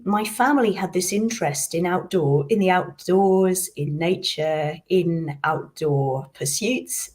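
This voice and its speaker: A woman from Britain speaks over a video call with a mid-range voice, telling her story in a fluent, reflective way. Her phrasing is calm and unhurried. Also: mid-range voice. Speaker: poet and scholar. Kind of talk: casual storytelling in a panel.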